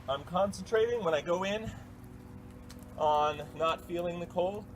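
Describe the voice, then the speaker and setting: A man's voice: high-pitched, unhurried. A man narrating casually to camera in a plain, matter-of-fact way, as a vlogger does. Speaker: vlogger doing an ice bath. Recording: noisy ambient home-video recording.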